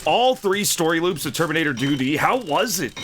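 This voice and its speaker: A man streaming live, commenting animatedly on an educational game, laughing and shouting at characters. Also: fairly high pitch, sing-song, a little fast, a little hiss or hum, low-quality recording.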